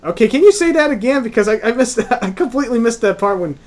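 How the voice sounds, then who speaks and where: High-voiced woman running the recording, teases a lot, slow and sing-songy. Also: lively intonation, darkish tone. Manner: laughing, teasing. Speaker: person recording and directing the takes. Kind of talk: casual chat.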